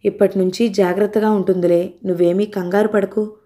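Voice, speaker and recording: A woman voicing a weary middle-aged father who speaks slowly and quietly in an audio storybook. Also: medium pitch, little pitch movement, close to an everyday voice. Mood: somber. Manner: slow, subdued.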